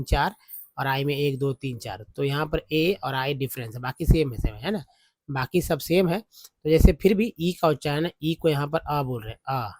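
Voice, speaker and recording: A man's voice: on the high side, dry recording. A man teaching a lesson in a patient, repetitive way, with many fillers. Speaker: English teacher. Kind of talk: spoken Hindi lesson on English vowel sounds.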